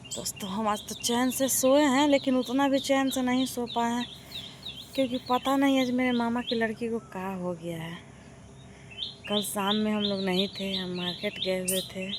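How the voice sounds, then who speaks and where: A woman's voice: fairly high pitch, fairly even intonation, moderate pace, noisy background. A young woman from Bihar, telling a story to her viewers in a casual vlog and complaining in exasperation. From Bihar, India. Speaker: vlogger. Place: doorway of a village house, outdoors.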